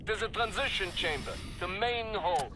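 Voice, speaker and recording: An older man performs a video game cutscene as an elderly mystic scholar, a gentle, eccentric guardian of ancient secrets. His raised-pitch voice is animated yet halting, repetitive, and non-native in phrasing, with a reflective, wistful mood. Music and game effects fill the echoey hall around him.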